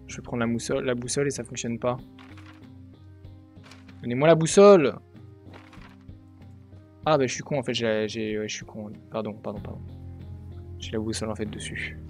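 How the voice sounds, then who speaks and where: Young man, game streamer, casual off-the-cuff commentary on close mic, medium pitch. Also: monotone, rapid-fire, faint music behind. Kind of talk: casual live gameplay commentary.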